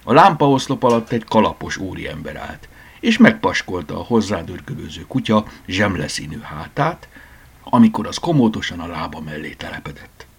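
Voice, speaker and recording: A man narrating a storybook chapter in an expressive reading. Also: low-pitched, gravelly, breathy edge. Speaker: audiobook narrator.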